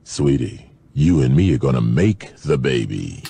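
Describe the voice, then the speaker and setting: A man playing a sleazy, seductive male stork in an animated comedy, with a gravelly, husky voice. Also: very deep voice, measured pace, heavily acted. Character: adult male cartoon stork, sleazy suitor. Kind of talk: animated comedy cartoon acting.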